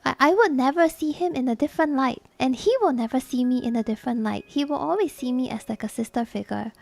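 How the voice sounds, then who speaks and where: A woman's voice: high-pitched, fast talker, gravelly. A young adult woman streamer chatting casually and candidly with her viewers, laughing often and swearing freely.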